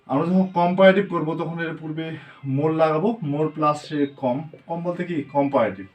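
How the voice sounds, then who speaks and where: A Bangladeshi man teaching English grammar, asking questions and answering them himself, sounding words out slowly. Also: fairly high pitch, darkish tone. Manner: asks and answers his own questions, slow word-by-word drilling. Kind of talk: spoken grammar lesson with questions to students.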